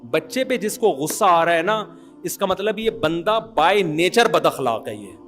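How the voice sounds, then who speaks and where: A middle-aged man gives a sermon as an Islamic preacher, his voice sitting high. He tells a family story animatedly, often laughing along, while soft music plays faintly underneath. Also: lively intonation, unhurried. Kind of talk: humorous sermon anecdote.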